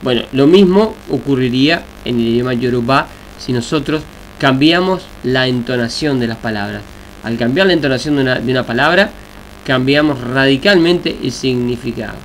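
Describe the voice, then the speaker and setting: A man teaching a recorded Yoruba language lesson, explaining slowly and deliberately with examples. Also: mid-range voice, rough recording. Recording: faint hiss and mains hum.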